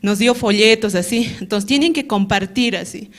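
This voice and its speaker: A woman's voice: medium pitch, normal speed. Bolivian woman giving an earnest church testimony. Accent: Bolivian Spanish. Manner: tags nearly every phrase with a questioning "¿no?"; emotional retelling, earnest and frank.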